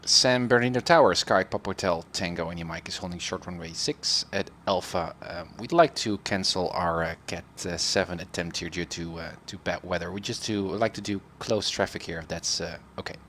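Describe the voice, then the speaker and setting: A man's voice: low-pitched, fairly quick, hardly any pauses, a bit bright, a little hiss or hum. Man on a pilot cockpit headset, hesitant radio calls. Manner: hesitant, with many fillers between phrases. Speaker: flight simulator pilot. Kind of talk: radio calls to air traffic control. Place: home flight simulator setup.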